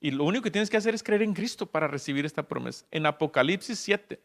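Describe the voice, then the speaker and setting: A man preaching a sermon as pastor, impassioned and rising to loud, emphatic peaks. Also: a little high, expressive, fast, creaky. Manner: acts out everyday people's voices in asides.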